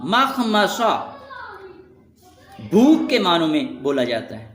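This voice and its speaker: A man teaching a lesson in scripted narration, reading out lists of words slowly and stressing each one. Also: high-pitched, sing-song, reverberant. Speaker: Quranic Arabic teacher.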